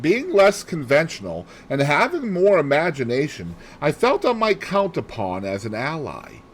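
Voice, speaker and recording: A man with a mid-range, slightly breathy voice reads a novel aloud as an amateur audiobook narrator. His storytelling is theatrical and dramatic, and he acts out the dialogue.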